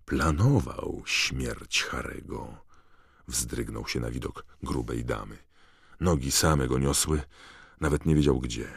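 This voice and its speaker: A man narrating an audiobook in a measured, dramatic storytelling manner. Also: very deep voice, creaky, husky, dry recording, clean studio sound. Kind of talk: scripted narration.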